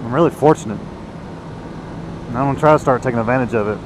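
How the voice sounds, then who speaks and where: A man with a mid-pitched voice talks in a loose, conversational motovlog style. He is recorded inside a helmet while riding, with clear vehicle noise around his words. His delivery is laid-back and rambling. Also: quick pace. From United States. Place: outdoors, riding a motorcycle on the road. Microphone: inside a motorcycle helmet. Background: engine and road noise.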